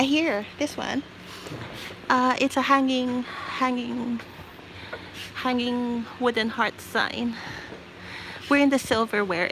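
A Filipina livestream shopping host walks the aisles of a large retail store with a handheld phone, chatting casually, reading prices aloud, and giving shout-outs. Her voice is a little high. The stream picks up plenty of shop-floor noise.

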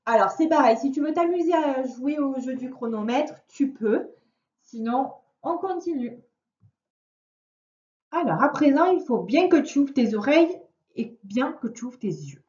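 A woman's voice: high-pitched, lively intonation, unhurried, a little mellow. A woman teacher giving a patient reading lesson to a young child, sounding out words syllable by syllable. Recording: roomy, distant, dull lo-fi sound.

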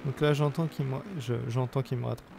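A man's voice: medium pitch, fairly even intonation, brisk, creaky, background noise. A young man with a sore throat giving chatty, hesitant commentary on his own gameplay. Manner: chatty, hesitant, bursts of playful cheering. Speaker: let's play gamer. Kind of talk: casual game commentary.

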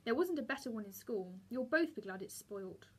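Brief: raging schoolboy who shouts indignantly and pitches high, read by a woman. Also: animated, moderate pace, husky. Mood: bitter. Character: furious proud schoolboy.

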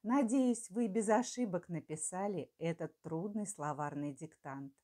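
A woman's voice: on the low side, measured pace, mellow. An older woman teacher dictating a spelling test to schoolchildren word by word, articulating carefully. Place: small furnished room with curtains, indoors.

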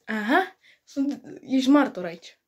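Comedy sketch performer, woman with a high voice, snappy bickering delivery. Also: expressive, a little mellow. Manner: quick, bickering, swears often. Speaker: sketch comedian playing several family roles.

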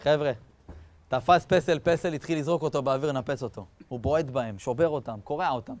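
A rabbi giving a Torah lesson as lively comic storytelling, acting out his characters. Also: on the high side. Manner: animated, acts out characters.

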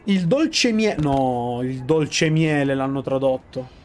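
A man's voice: medium pitch, lively intonation, slow, darkish tone, faint music behind. A man giving let's play commentary on a video game, chatty and often correcting himself mid-sentence. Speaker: gaming video host.

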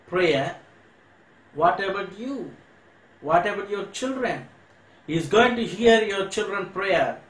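A pastor with an Indian English accent delivers an earnest sermon, slowing and swelling his voice to press each point home. His voice sits a little high, and his delivery is very unhurried. The sound carries the echo of a large church room. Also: fairly bright tone. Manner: earnest preaching, slows and swells to stress words, repeats phrases. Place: church hall.

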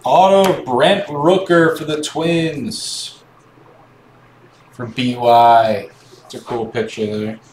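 A man hosting a live card break, calmly calling out each card as he opens packs and chatting with viewers. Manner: slow, low-key calling of cards while chatting to viewers. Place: indoor room with card boxes on a table. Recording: echoey room with faint background noise.

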